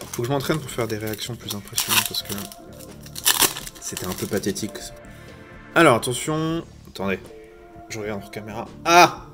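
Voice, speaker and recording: Here a man with a mid-range, fairly bright voice comments casually to camera as he opens Pokémon card packs for his YouTube channel. He jokes at his own expense and wanders off into chatty asides.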